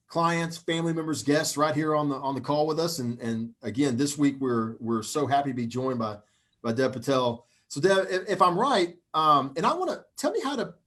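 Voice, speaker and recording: Husky Southern-accented male host. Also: on the high side, a bit bright. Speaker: show host. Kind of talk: live video interview.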